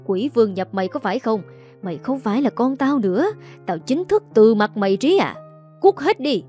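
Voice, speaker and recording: A woman voicing a frail old mother who shouts and scolds her quarrelling grown children, in a Southern Vietnamese accent. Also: on the high side, animated, normal speed, faint music behind, natural voice. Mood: furious scolding.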